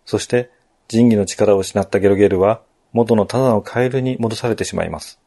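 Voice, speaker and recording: Male narrator, polite game walkthrough with asides, mellow and dark in tone. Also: lowish voice, brisk.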